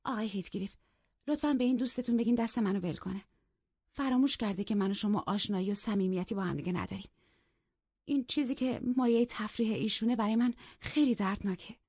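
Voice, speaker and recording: A woman's voice: mid-range voice, darkish tone, husky, no echo, lo-fi sound, pitched above the performer's own voice. A woman voicing an upset, embarrassed young woman pleading to be let go, in an audiobook. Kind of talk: audiobook character voice.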